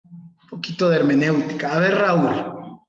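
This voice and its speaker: A man teaching a preaching workshop online, reading scripture and calling on students by name. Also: on the high side. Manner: slow, instructive, calls on students by name. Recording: echoey, dull lo-fi room sound.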